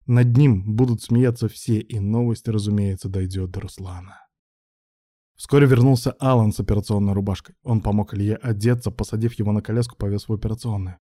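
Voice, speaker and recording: A man reading a story aloud as narrator in an even, measured way. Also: fairly low pitch, no echo, studio quality. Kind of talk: audiobook narration.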